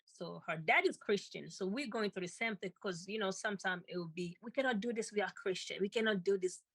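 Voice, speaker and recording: A woman's voice: mid-range voice, brisk, a bit bright, slightly rough, no echo. A woman co-host telling a personal story with feeling, often repeating herself and laughing lightly.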